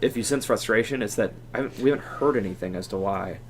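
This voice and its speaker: A man co-commentating a card game stream in casual, animated chat. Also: fairly low pitch, fast talker. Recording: tournament crowd noise behind. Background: crowd chatter.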